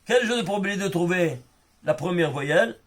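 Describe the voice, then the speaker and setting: A man's voice: high voice, animated, fast talker. A rabbi giving an informal Torah lesson to a small group. He explains with animation and keeps checking that his listeners follow. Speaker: rabbi teaching a class.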